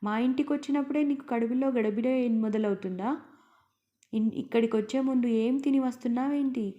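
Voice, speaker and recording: A woman voicing a sharp-tongued, anxious middle-aged wife who nags and mocks her husband in a storybook reading. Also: mid-range voice, steady tone, normal speed, highs cut off, natural voice. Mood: angry scolding. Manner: sarcastic, nagging.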